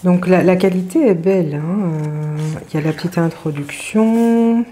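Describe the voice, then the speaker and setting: A woman's voice: lowish voice, normal speed, dark tone, a little hiss or hum. A woman hosting a casual tarot unboxing vlog, chatting with many fillers and throwing in English words. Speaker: tarot channel host.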